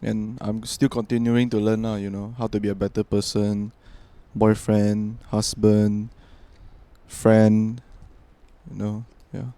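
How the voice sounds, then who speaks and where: A young man hosting a casual podcast chat, relaxed and full of fillers. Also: on the low side, slow pace, clear, resonant tone, no room sound. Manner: relaxed, filler-heavy, trailing off. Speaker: podcast host.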